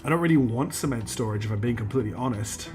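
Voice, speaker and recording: Thinking aloud during a live stream of a factory-building game, this man is losing his voice and keeps clearing his throat. His mid-range voice moves quickly as he counts out loud, asks himself questions, walks through each step, and replies to chat over faint music.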